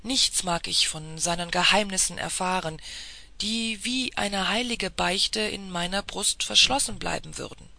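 A reader voicing a dignified elderly noblewoman who refuses sternly on principle, in a slow, gravelly, bright voice. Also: medium pitch, dry recording, full character voice. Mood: indignant.

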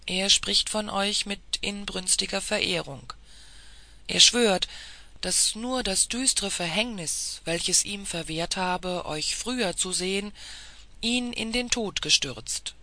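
A reader voicing an insistent, formal police official who presses a lady with long, courtly appeals, in a slow, gravelly, bright voice. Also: medium pitch, full character voice. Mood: persuasive.

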